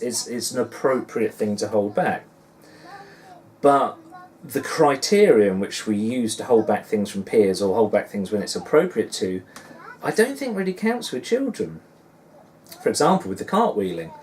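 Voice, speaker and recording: A man's voice: fairly low pitch, a little mellow. A man in his forties with a Suffolk English accent, chatting casually in a rambling, self-deprecating and musing way, as in a personal vlog. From Suffolk, England. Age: 40s. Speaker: dad blogger and vlogger. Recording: distant mic with faint background noise.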